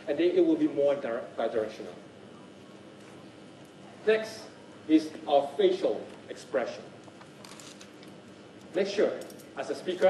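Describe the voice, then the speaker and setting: Lively man teaching in an echoey room. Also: a little high, far from the mic, a little hiss or hum. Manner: lively, keeps checking in with "right?". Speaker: workshop trainer. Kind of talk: speaking skills workshop talk. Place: workshop room.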